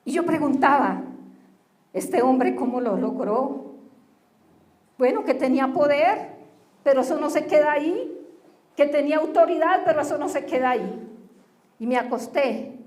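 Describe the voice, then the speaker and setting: A woman's voice: sits high, animated, moderate pace, long pauses, darkish tone, reverberant. A woman pastor preaching a sermon, asking the congregation rhetorical questions as she speaks. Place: church.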